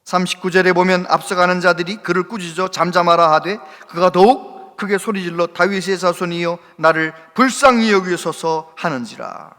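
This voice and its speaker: Man, pastor, sermon, high voice, bright tone, impassioned, asks the congregation questions, long church reverb. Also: fairly even intonation, moderate pace, few pauses. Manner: impassioned, swings between loud exhortation and hushed speech.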